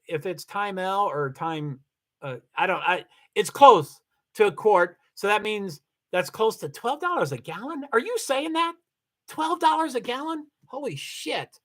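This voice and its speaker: This livestream host, a Kentucky man with a high-pitched, pushed and bright voice, keeps things casual as he chats with viewers and reads their comments. He tends to ramble and frequently halts to correct himself.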